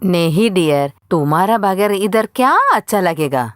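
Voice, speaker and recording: A woman's voice: on the low side, expressive, a little slow, slight background noise. An actress dubbing a fussy middle-aged mother who dotes on her dog and scolds her son. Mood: doting. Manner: scolding, sing-song. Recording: film soundtrack with music.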